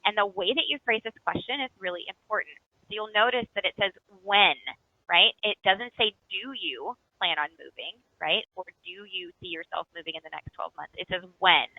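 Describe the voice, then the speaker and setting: A woman coaching agents through prospecting scripts, casual and conversational, tagging points with a quick "right?". Her voice comes through a narrow, phone-like band that is flat and dry, with no room sound around it. She slips into livelier tones when voicing the people she describes. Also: mid-range voice, no room sound. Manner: chatty, coaching, often tags with "right?"; acts out homeowner replies in livelier voice. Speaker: real estate trainer. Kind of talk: recorded training lesson.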